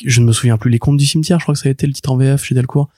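Fast-talking man with a mellow voice. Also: medium pitch, fairly even intonation, dry recording, studio quality. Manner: rambling, many restarts and fillers, enthusiastic. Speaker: podcast co-host. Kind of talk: casual chat reviewing comics.

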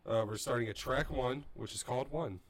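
A man's voice: mid-range voice, brisk. A man co-hosting a podcast, explaining music casually in an enthusiastic, rambling way. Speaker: podcast co-host.

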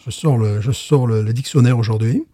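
Joking man in a mellow, dry voice. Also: medium pitch, fairly quick, husky, no echo. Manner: jokey, wordplay, hesitant fillers. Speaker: beer taster. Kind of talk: casual chat.

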